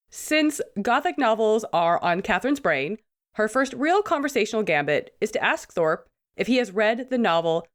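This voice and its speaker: A woman co-hosting a podcast, chatty and self-mocking, her voice still sick. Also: medium pitch. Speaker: podcast co-host. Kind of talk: casual podcast chat.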